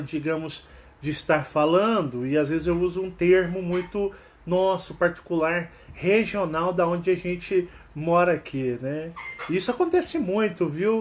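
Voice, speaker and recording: Brazilian man with a Mineiro accent, high-pitched, rambling and chatty, acting out little dialogues as he talks. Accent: Mineiro, Minas Gerais. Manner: chatty, rambling, with frequent tag questions; acts out quoted dialogue animatedly. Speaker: channel host. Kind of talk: casual spoken monologue.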